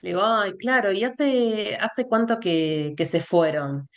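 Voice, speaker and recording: A woman's voice: mid-range voice, a little slow. A middle-aged woman with an Argentine accent, a guest in a casual conversation, telling an anecdote and acting out the dialogue in it. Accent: Argentine Spanish. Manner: animated anecdote-telling, acts out quoted dialogue. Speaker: guest, functional biochemist.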